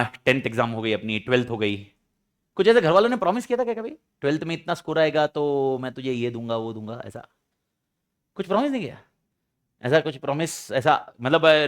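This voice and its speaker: A young man with a high voice and an Indian accent leads a classroom lecture. He talks lively and animated. He keeps breaking into playful mock exchanges between students and parents to make his points.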